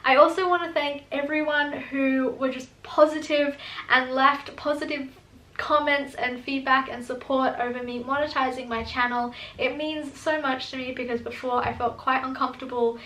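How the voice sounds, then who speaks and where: A woman's voice: high-pitched, steady tone, normal speed, a bit bright. A woman of twenty-one, chatty and laughing often as she answers viewers' questions in a casual vlog. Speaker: student vlogger. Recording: echoey room.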